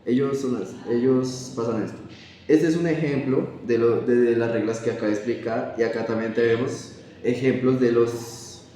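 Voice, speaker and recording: A young man works through grammar rules like a student teacher, pausing and restarting his sentences as he goes. His voice is mellow and dark in tone. It sounds far from the mic, in a room with a long, echoing reverb. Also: mid-range voice, fairly even intonation, slight background noise. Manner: halting, self-correcting explanations. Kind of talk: classroom grammar explanation.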